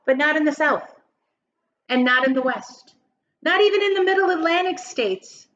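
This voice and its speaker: A woman reads a children's picture book aloud the way a teacher would, with emphatic, dramatic phrasing and questions for her listeners. Her voice sits high and sounds fairly bright and expressive at a normal speed, though the audio is dull.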